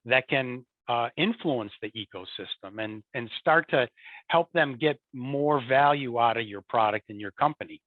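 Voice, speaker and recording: Speaking at a moderate pace and medium pitch, this support and field services executive chats as an interview guest, often repeating himself and dropping in "you know" and "right?". His voice comes through tinny remote call audio that is dry.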